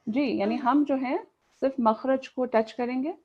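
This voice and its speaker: A woman's voice: high-pitched, steady tone, dull audio. A woman teaching a recitation class online, mixing in English and asking her students questions. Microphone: video call.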